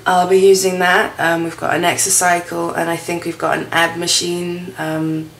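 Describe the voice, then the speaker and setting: A woman's voice: on the low side, completely flat delivery, normal speed, creaky, a bit bright. Wheezy young New Zealand woman, echoey room. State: wheezy, with a cough from quitting smoking. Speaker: vlogger. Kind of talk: casual personal vlog. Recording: roomy echo, faint background noise.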